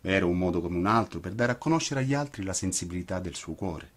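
A man reads a children's story aloud with theatrical expression, as an actor would. His voice is husky, and his pitch moves lively up and down as he tells the tale. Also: quick pace. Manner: theatrical, animated.

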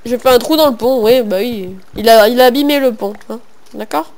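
A man's voice: very high voice, brisk, darkish tone. A young teenage boy doing casual, joking commentary over a game, rambling and talking to himself and his viewers through a home computer microphone. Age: young teen, in middle school. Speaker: gaming video host. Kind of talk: casual let's-play commentary.

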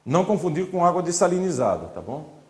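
A man's voice: fairly high pitch, sing-song, a little fast, a little mellow. A man giving an informal classroom lecture, chatty, constantly saying "look" as he points at slides. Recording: echoey lecture hall.

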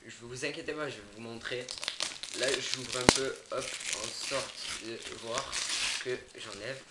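A man's voice: medium pitch, fairly even intonation, measured pace. A young man casually unboxing products for his channel, hesitant with many fillers and self-corrections, indoors away from home. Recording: echoey room, noisy background. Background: crinkling packaging and clicks.

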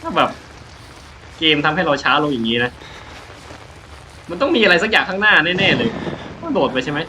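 A man's voice: a little high, sing-song, a little fast, sharp tone, slight background noise, low-quality recording. A man streaming a horror game, talking to himself and the game, jumpy and joking as he plays. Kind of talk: horror game let's play commentary. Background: rain and thunder from the game.

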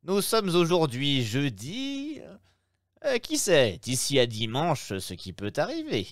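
A man reading aloud and voicing an impetuous, playful young gentleman traveler with a raised voice. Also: on the high side, huge pitch swings, slow, no room sound, studio quality, pitched above the performer's own voice, exaggerated voice. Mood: lively. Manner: exclamatory, playful.

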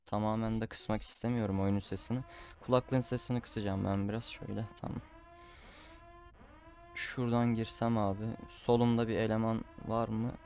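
A man's voice: fairly low pitch, flat delivery, moderate pace, a little mellow. A man doing casual gameplay commentary, chatting to viewers and often getting frustrated. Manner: chatty, frustrated outbursts, calls the audience "abi". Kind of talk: casual Let's Play commentary.

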